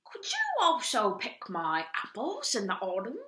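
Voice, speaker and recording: A woman's voice: medium pitch, wildly swooping pitch, measured pace. A woman acting as a blustering old duke. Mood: grudging. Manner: shouting, bellowing. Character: pompous blustering old male duke, hot-tempered. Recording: echoey room.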